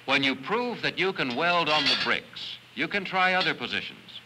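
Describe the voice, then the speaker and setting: A man giving steady step-by-step directions as the scripted narrator of an educational film. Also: on the high side, normal speed. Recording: noisy old film soundtrack.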